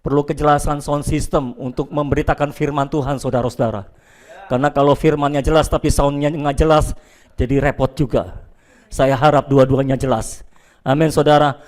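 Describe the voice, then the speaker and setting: A male pastor preaching a sermon to a church and viewers at home, emphatic, dropping between loud declarations and quiet asides. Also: fairly high pitch, steady tone, normal speed.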